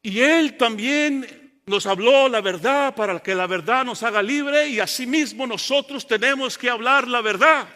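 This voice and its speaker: A man preaching a bilingual sermon in a church sanctuary. He switches between Spanish and English and delivers slow, emphatic lists. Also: very high-pitched, bright, forceful tone. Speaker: pastor. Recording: long church-hall reverb.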